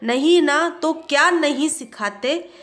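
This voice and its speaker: An eager young village girl pleads to learn her father's craft, as a woman teacher reads her part aloud. She speaks slowly and insistently in a fairly high voice. It sounds like a storybook reading. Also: fairly bright tone. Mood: pleading.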